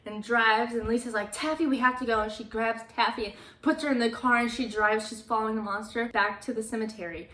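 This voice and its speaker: A woman's voice: a little high, little pitch movement, a little fast, hardly any pauses, bright, forceful tone. A young adult woman recapping a movie in a casual, chatty way, with lots of "like" fillers. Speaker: YouTuber. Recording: roomy echo.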